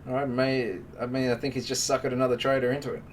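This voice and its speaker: A man's voice: mid-range voice, little pitch movement, fast. Guy rambling through market calls on a live stream, joky and laid back, mic kinda far with light hiss. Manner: chatty and joking, talks to the viewers as mates. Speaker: live-stream trading host.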